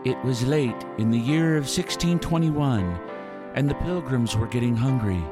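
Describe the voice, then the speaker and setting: A man playing a solemn historical documentary narrator, earnest and measured in scripted storytelling. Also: mid-range voice, close to an everyday voice. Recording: narration over clear background music. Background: music.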